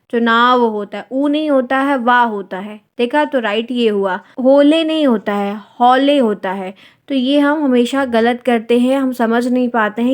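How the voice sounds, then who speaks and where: A woman teaching a language exam-prep class, saying each example word slowly and twice, putting questions to the class and answering them herself, with English words mixed in. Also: on the high side. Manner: mixes English words into speech.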